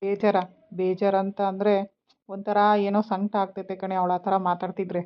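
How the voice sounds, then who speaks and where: An actress playing a teasing husband torn between two wives, with a quick, teasing way of talking. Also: female voice, mid-range voice, flat delivery, natural voice. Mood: troubled. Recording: dull lo-fi sound.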